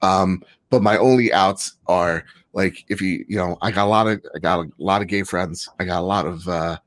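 A man's voice: sits low, steady tone, moderate pace, no room sound. A man in a casual chat, caffeinated and keyed-up, speaking earnestly and stammering through repeated false starts. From New Jersey. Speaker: gaming content creator.

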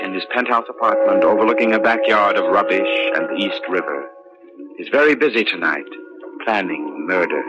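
An actor playing an ominous, brooding murder-mystery narrator in theatrical, slow 1940s radio style. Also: male voice, lowish voice, lightly acted. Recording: noisy, dull old 1940s radio recording.

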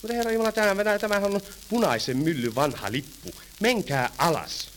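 A man's voice: high voice, fairly bright tone, slight background noise. A man singing and playing a fussy old-time tram conductor who scolds passengers, on an old archive record with music. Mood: scolding. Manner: sings, then scolds passengers in quick patter. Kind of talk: 1930s comic song with spoken patter.

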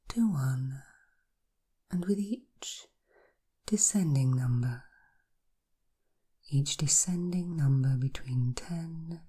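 A woman guiding a hypnosis relaxation, speaking softly in slow, repetitive suggestions and often half-whispering. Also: sits low, breathy edge.

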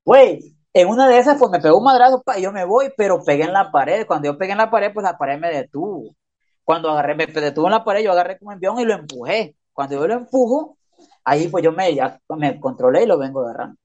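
A man rattles off a story at a quick clip, packed with slang and punchy sound effects. The sound is a little dull and lo-fi. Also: high voice, lively intonation, darkish tone. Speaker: podcast guest, prisoner. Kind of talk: casual storytelling interview.

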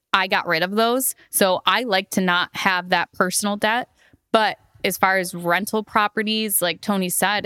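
A woman's voice: fairly low pitch, sharp tone, smooth, dry recording, clean studio sound. A woman co-hosting a podcast in casual chat, chatty and laughing often, with many fillers. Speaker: podcast co-host.

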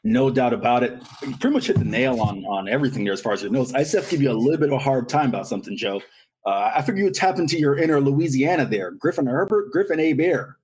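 A man co-hosting a sports podcast, running through stats in lively casual talk. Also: mid-range voice, fast, slightly rough. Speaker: podcast co-host.

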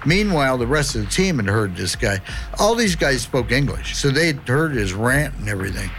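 A man's voice: medium pitch, big pitch swings, normal speed, fairly bright tone. A man in an interview telling a story conversationally, blunt and colloquial, acting out what people said. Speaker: interviewee, former mission team leader. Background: faint music.

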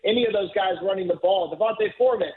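An NFL writer calls in to a phone-in radio interview, speaking very fast in a high voice, analytical and fluent, now and then repeating a word as he starts a thought. The tinny phone line carries a little hiss or hum.

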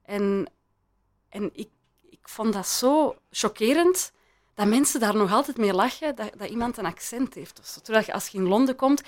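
Woman, interview guest, reflective, halting, restarts. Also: a little high. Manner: hesitant, many restarts and laughs. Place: in Belgium.

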